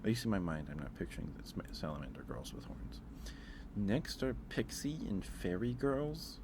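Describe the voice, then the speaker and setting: With vocal fry and a sing-song lilt, a fairly low-pitched man talks at normal speed on an ASMR livestream, casually ranking things. He sounds hesitant and repeats phrases while thinking aloud. Background noise can be heard.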